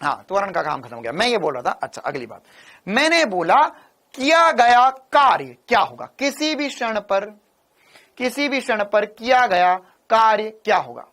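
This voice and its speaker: A man teaching physics in a live online exam-prep lecture, with a hoarse voice worn from shouting, animated and teasing as he answers his own questions in a student's voice. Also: sits high, normal speed. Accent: Hindi.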